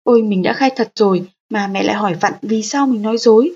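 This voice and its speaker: A scared little child fretting to itself, spoken close to the reader's own voice, as a woman puts her on. The tone is breathy, and the recording is slightly dull. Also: medium pitch, quick pace, a little mellow. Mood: fearful. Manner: anxious, fretful inner thoughts. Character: frightened small child thinking to itself.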